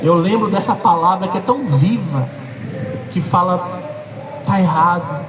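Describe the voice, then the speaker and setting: A man's voice: high-pitched, a little slow, distant mic, background noise. A Brazilian man preaching a sermon as pastor, talking conversationally and emphatically straight to his listeners. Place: church service with a congregation.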